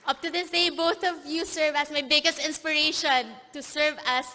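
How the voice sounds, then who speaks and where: A young woman delivers a commencement address in a high, bright voice. She is earnest and moved, at times pausing to steady herself. Her words carry a long echo through a big convention hall. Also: slight background noise. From born in Korea, raised in the Philippines. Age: young adult. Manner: earnest, emotional, pausing and apologizing as she chokes up. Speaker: graduation speaker. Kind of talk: commencement speech. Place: large convention plenary hall.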